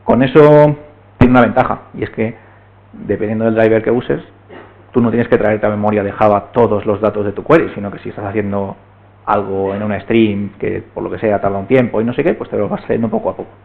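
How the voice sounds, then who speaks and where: At a meetup, a man gives a technical talk step by step, regularly checking in with the room. His voice is fairly low, gravelly and brisk with fairly even intonation, heard through a tinny, phone-like recording.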